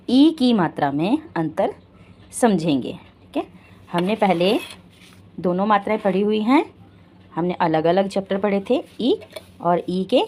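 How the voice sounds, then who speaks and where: A woman's voice: medium pitch, darkish tone, a little hiss or hum. A woman teaching a children's Hindi lesson, patient, asking the children questions and repeating each step.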